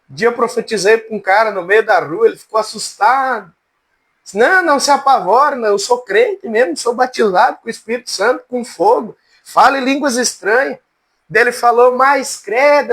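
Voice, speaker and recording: High-voiced man teaching a church class. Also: expressive, moderate pace, fairly bright tone. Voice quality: high, cracked voice. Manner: folksy and humorous, addressing students by name. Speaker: Bible teacher. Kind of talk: informal church class lecture.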